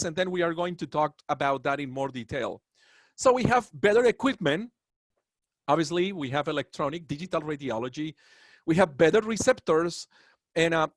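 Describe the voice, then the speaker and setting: There's no room sound around this slightly high male voice, belonging to a Colombian dental professor. Speaking with a Colombian Spanish accent, he delivers a dentistry webinar lecture earnestly and proudly, straying into rambling asides.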